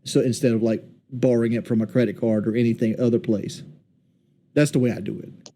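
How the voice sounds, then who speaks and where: A man in his late thirties in a casual voice chat, rambling candidly and haltingly. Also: mid-range voice, steady tone, dark tone, a little hiss or hum. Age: 30s. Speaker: streamer.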